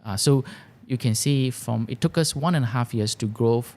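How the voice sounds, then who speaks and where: A man with a Malaysian accent answering interview questions as a business founder, haltingly, repeating words and using non-standard grammar. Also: medium pitch, darkish tone. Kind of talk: interview conversation.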